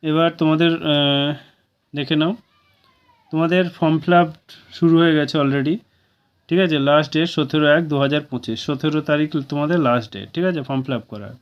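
On the high side and fairly quick, this man's clear, resonant voice carries a Bengali accent as he explains a job vacancy in an informal way. He keeps checking in with viewers by asking "okay?". The recording is dull and lo-fi.

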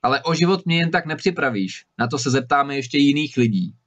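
A man's voice: mid-range voice, lively intonation, a bit bright. A man voicing a bold, clever young male student who answers fearlessly in a storybook reading. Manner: fearless, quick-witted. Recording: slightly dull recording.

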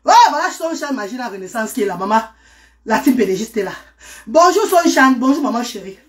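A woman's voice: on the high side, lively intonation, fairly quick. A woman talking live to her viewers in a casual stream, exclamatory and greeting people by name.

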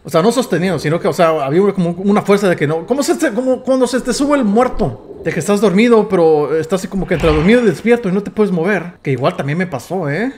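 A Mexican man narrating his own horror game run in loose, excitable chatter, his voice sitting a little high for a man. He swears freely and trips over his words when he gets into a story. There is a faint hiss of noise behind him. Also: quick pace, hardly any pauses. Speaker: gamer. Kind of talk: casual let's play commentary.

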